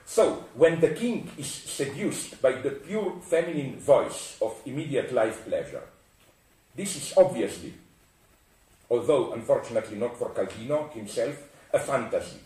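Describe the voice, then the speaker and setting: A man's voice: medium pitch, very animated, a little slow, mellow. A man from Slovenia giving a philosophical lecture, digressive and self-interrupting with frequent asides. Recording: echoey room from far off.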